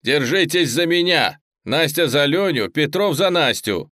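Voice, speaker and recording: A man voicing a calm, commanding adult physics teacher in an audiobook. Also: fairly low pitch, moderate pace, dry recording, studio quality, natural voice. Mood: shouting. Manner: steady, commanding.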